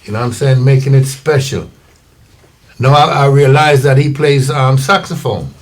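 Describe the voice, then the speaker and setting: Relaxed Jamaican man, older singer. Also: medium pitch, normal speed. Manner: relaxed, rambling storytelling. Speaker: guest singer. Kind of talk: casual interview.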